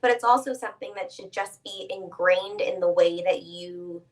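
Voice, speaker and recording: A woman's voice: lowish voice, recorded from a distance. Woman explaining etiquette, set back from the mic. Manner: measured, explanatory, speaks with her hands. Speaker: etiquette instructor, guest. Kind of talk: conversational interview.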